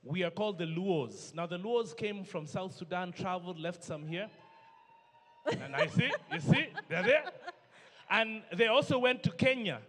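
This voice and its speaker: A man's voice: high-pitched, expressive, normal speed, fairly bright tone. A man from northern Uganda emceeing a live gala dinner, bantering playfully and switching between French and English. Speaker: event emcee. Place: large indoor banquet hall. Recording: echoey banquet hall.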